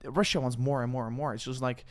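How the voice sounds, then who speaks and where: A young man from the Netherlands, hosting a crypto livestream, chats casually and fast in a Dutch accent at an everyday middle pitch. He rambles, hesitates, trails off and restarts phrases, filling gaps with "uh" and "I mean." It comes across as relaxed, unscripted talk to a live audience.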